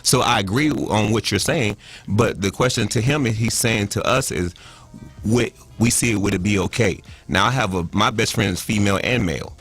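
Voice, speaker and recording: A man's voice: on the low side, normal speed, breathy edge, faint music behind. A man co-hosting a talk show, telling stories in casual slang-filled chat. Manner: animated, street-slang storytelling. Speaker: co-host.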